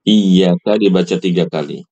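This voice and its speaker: A man teaching Quran recitation to women, patiently correcting them and modeling each phrase slowly. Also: low-pitched, darkish tone, dull audio. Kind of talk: online recitation lesson.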